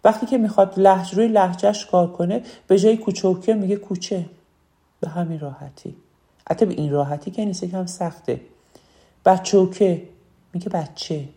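A woman's voice: on the low side, fairly even intonation, dark tone. A woman giving a spoken lesson on public speaking, emphatic and repeating key phrases.

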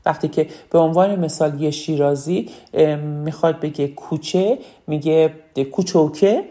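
Woman, low warm voice, animated speaking coach, repeats lines for emphasis. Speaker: public speaking teacher. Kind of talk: spoken lesson on oratory.

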